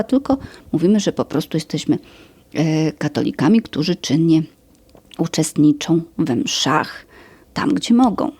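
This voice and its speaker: A woman teaching English grammar in a podcast, slowly explaining rules and listing examples. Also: low voice, dark tone, husky, no echo. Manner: slow, careful explaining with example lists.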